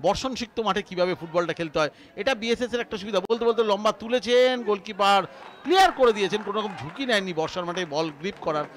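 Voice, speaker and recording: A man giving excitable live football commentary that builds to shouted calls. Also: high-pitched, racing. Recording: outdoor crowd noise behind the voice. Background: outdoor stadium crowd.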